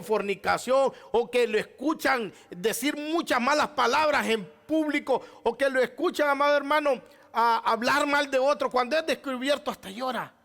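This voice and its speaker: A male pastor with a very high-pitched, slightly bright voice and vocal fry preaches a sermon. He poses rhetorical questions and calls the congregation "beloved brother."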